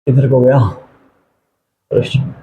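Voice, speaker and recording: A man's voice: mid-range voice, monotone, slow pace, reverberant, phone-quality sound, a little hiss or hum. A man teaching geography from a map, asking rhetorical questions, drawling and repeating place names, and mixing in English phrases. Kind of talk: map lesson for exam students.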